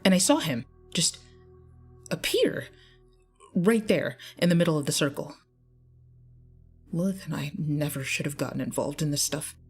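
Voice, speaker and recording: A woman narrating a scripted first-person horror story in a measured, deliberate way. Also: low-pitched. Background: faint background music.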